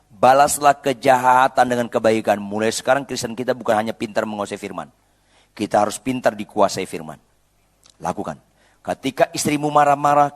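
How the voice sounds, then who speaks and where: A man preaching a sermon as a pastor, swinging from loud, high rebukes to quiet, low asides and repeating a refrain. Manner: repeats a refrain, acts out humorous prayers.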